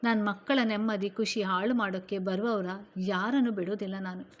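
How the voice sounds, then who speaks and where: A woman playing a middle-aged mother in a spoken story, stern and fiercely protective of her sons. She scolds the family in a loud, forceful voice, pitched a little above her normal speaking voice. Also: fairly even intonation, normal speed, lightly acted. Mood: angry.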